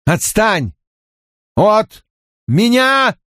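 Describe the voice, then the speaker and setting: A man voicing a defiant, tormented young fantasy hero in an audiobook, with a hoarse, strained voice. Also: sits high, very animated, unhurried, darkish tone, no room sound, studio quality, pitched above the performer's own voice, heavily acted. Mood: desperate refusal. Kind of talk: dramatic audiobook character voice.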